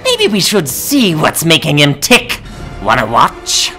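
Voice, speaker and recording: A man's voice: fairly high pitch, huge pitch swings, slow, over music, exaggerated voice. A man voicing a gleeful, sinister, taunting madman villain in an audio drama, sing-song and teasing. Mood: gleeful menace.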